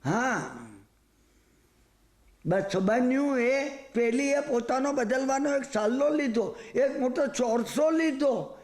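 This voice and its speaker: A man preaching a storytelling sermon, animated, often turning to the listeners with asides. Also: very high voice, takes it slowly, roomy sound. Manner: animated, rhetorical asides to the audience.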